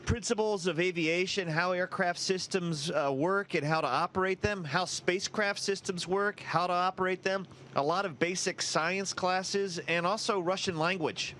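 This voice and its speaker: A male astronaut answers questions for an educational interview. His voice sits somewhat high for a man, and he explains things plainly and informally. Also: normal speed, few pauses, fairly bright tone, a little hiss or hum. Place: aboard a space station.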